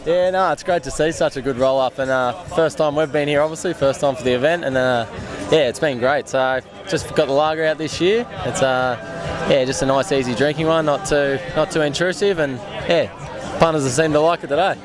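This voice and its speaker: A man's voice: fairly high pitch, steady tone, a little fast, music in the background. An easygoing Australian man chatting casually as an apprentice brewer being interviewed. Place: outdoors at a beer festival. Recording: outdoor event with crowd behind.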